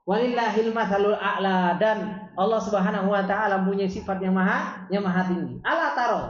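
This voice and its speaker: A male preacher gives a lively religious lecture, quoting Arabic and asking the room questions. His voice sits in a roomy, echoing space. The recording is dull and lo-fi. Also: very high voice. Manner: animated, asks the audience rhetorical questions; reads Arabic lines, then explains them in Indonesian. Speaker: ustaz teaching a religious study circle. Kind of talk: Islamic study lecture.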